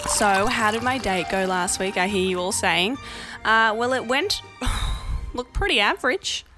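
A woman's voice: medium pitch, expressive, a little slow, over loud music. A young woman hosting a podcast, telling blunt, self-mocking stories in a casual comedic monologue. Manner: chatty, blunt, self-mocking, swears and laughs often. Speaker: podcast host.

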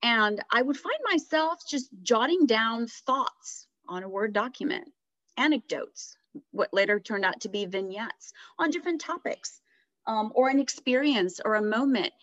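A woman's voice: on the high side, a little slow, no room sound. Middle-aged woman, reflective storyteller. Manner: reflective, animated when retelling dialogue. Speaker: guest author. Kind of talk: casual podcast storytelling. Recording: dry, slightly dull podcast audio.

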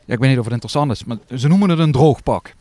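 A man, a diver, answers questions modestly and hesitantly while standing outdoors by a lake. He pauses often as he explains. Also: mid-range voice, expressive, dark tone, no echo.

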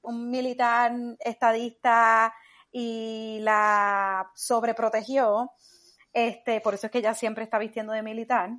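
Animated woman, podcast guest. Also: fairly high pitch. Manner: animated, quick to laugh. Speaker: podcast guest, actress and comedian. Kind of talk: casual podcast chat.

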